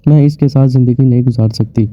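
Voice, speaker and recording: A frightened young woman pleads through tears, as a male narrator reads her lines. The delivery stays flat and level. The sound is thin and phone-like, with no room echo. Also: mid-range voice, soft background music, close to an everyday voice. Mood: pleading. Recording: tinny phone-like, dry sound.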